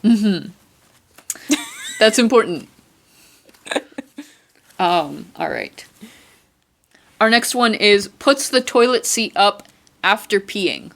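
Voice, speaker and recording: A young woman hosts a casual interview chat. She keeps a playful, mock-formal tone and delivers her jokes dryly at a medium pitch. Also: takes it slowly, creaky, pauses often, fairly bright tone. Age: young adult. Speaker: host.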